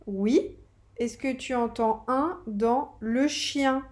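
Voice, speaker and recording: A woman's voice: high voice, steady tone, slow pace. A woman teaching a reading lesson to young children, patiently spelling out sounds.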